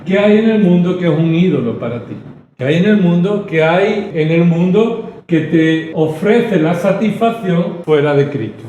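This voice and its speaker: High-voiced man preaching with emphasis. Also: a little slow, dark tone, roomy sound, highs cut off, a little hiss or hum. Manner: emphatic, rhetorical questions and repetition. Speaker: pastor. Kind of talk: sermon. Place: church hall.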